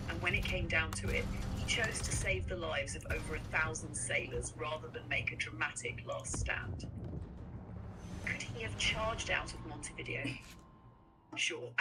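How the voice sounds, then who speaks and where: An AI voice assistant calmly explaining history in chat answers, reading out web links. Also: mid-range voice, recorded from a distance, noisy background. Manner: measured, reads out links.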